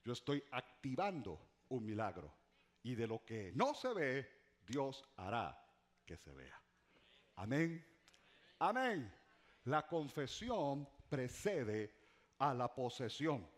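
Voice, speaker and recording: A middle-aged man preaching a sermon as pastor, repeating key words for effect, dropping to a hush and rising again, with humorous asides to his congregation. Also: medium pitch, very animated, slow, long pauses. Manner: preaching with dramatic repetition and swings from loud to hushed.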